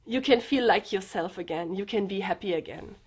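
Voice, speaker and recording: Young woman, vlogger, earnest, emotional, talking straight to viewers, middle pitch. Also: fairly quick, breathy edge. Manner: earnest, emotional, tearful at times, addressing viewers directly. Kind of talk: personal confessional vlog.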